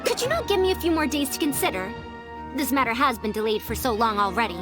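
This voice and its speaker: A woman's voice: high-pitched, expressive, fast talker. An actress voicing a prim, fussy female elder scholar who talks in a lofty, scolding way, in game audio. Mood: reluctant. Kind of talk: game voice acting. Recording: game audio with faint music.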